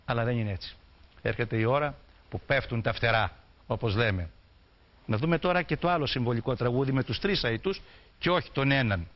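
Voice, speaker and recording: A man giving an explanatory lecture on folk songs, reciting dialect verses and then explaining them plainly. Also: mid-range voice. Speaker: folklore lecturer. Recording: dull lo-fi recording.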